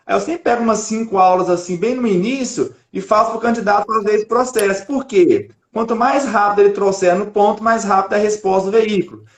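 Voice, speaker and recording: A man with a Brazilian Portuguese accent who is a driving instructor, talking through things patiently and step by step. His voice sits fairly high, and the room around him sounds noticeably echoey. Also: brisk, hardly any pauses. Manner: patient, step-by-step explaining with tag questions. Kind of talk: casual chat in a live stream.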